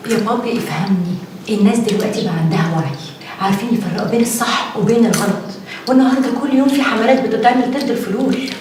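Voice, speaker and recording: A woman's voice: fairly high pitch, racing, darkish tone, slight background noise, natural voice. An insistent Egyptian daughter, played by an actress, pressing her point at breakneck speed. The voice rings in a very echoey space, away from the mic. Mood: persuasive. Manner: persuasive, insistent. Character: pushy, scheming daughter, ambitious. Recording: echoey, distant.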